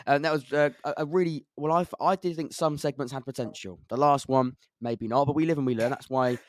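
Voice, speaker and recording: A man's voice: a little high, steady tone, fairly quick. An English man hosting a casual football podcast, chatty and self-deprecating, laughing often. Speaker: podcast host.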